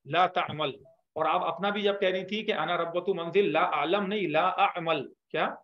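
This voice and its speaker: Guy teaching a class, high voice, patient, fixes pronunciation, echoey dull recording. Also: fairly even intonation. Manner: patient, corrects pronunciation slowly and repeats words. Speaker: Arabic teacher. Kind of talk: teaching a class, correcting students. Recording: roomy, dull lo-fi sound.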